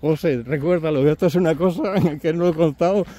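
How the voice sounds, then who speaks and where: Mellow-voiced man telling trail stories. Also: on the high side, brisk. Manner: chatty anecdote-telling, chuckling, acting out companions' lines. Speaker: pilgrim vlogger. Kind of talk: casual storytelling to camera while walking. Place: outdoors on a rural walking trail.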